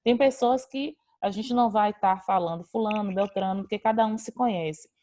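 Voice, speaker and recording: A woman's voice: medium pitch, normal speed, mellow, no room sound. A woman teacher giving an online class, explaining grammar rules step by step. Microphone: video call.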